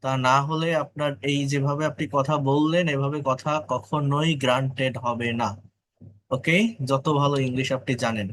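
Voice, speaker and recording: A man with a Bengali accent teaching spoken English in an online class, correcting pronunciation word by word and repeating words slowly. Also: medium pitch, fairly even intonation, a bit bright.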